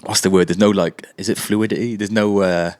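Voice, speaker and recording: Low-voiced man telling stories. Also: steady tone, brisk, darkish tone, dry recording. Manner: chatty storyteller, swears freely. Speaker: interview guest. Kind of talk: casual chat.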